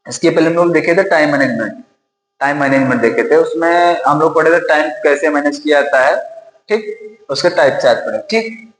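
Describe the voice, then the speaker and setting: A man's voice: a little high, normal speed, fairly bright tone, a little hiss or hum. A man teaching a lesson, repeating key points and asking and answering his own questions. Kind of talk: classroom-style lecture. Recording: roomy echo with long reverb.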